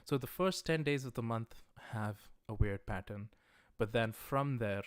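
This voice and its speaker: His medium-pitched voice comes across clear and resonant in clean, echo-free studio sound as this English-native man teaches Japanese live. He goes through patterns patiently, step by step, reading viewer questions aloud and carefully slowing his Japanese pronunciation.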